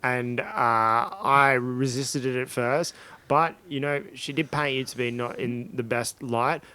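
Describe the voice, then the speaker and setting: A man, a comedian co-hosting a podcast, telling a story in an animated way with frequent laughter. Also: medium pitch, unhurried. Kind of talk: casual chat.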